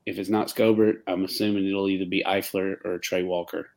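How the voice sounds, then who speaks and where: A man joins a sports podcast as a guest. His voice is very deep, gravelly and quite flat. He talks in an easygoing, hesitant way, full of fillers. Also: brisk. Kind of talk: casual sports podcast chat.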